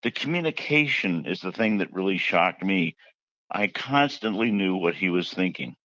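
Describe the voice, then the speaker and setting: Low-voiced man telling stories. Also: lively intonation, normal speed, sharp tone, no echo, lo-fi sound. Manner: chatty anecdotal storyteller who acts out quotes. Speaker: author interviewed about his book. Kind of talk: casual interview storytelling.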